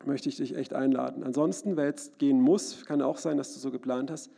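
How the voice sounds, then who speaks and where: In a church hall, a preacher delivers an earnest, personal sermon, speaking briskly in a steady tone but now and then breaking into loud cries. His voice is gravelly, husky and dark, sitting a little high for a man.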